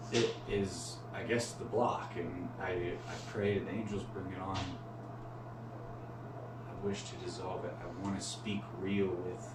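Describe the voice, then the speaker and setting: A low-voiced man speaks hesitantly and self-critically, searching for words in a halting confession. He sounds far from the mic in a noisy, echoing room. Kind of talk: emotional confession.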